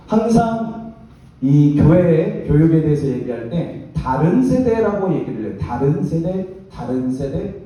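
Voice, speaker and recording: A man's voice: on the high side, mellow. Preaching man in an echoey hall. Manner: emphatic preaching with call-and-response repetition. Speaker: pastor. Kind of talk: sermon. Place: church youth worship hall. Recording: echoey church hall mic from a distance.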